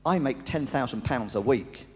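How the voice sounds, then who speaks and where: A man voicing a calm, matter-of-fact stranded man in a joke told during a sermon. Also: medium pitch, moderate pace, close to an everyday voice. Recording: long church reverb.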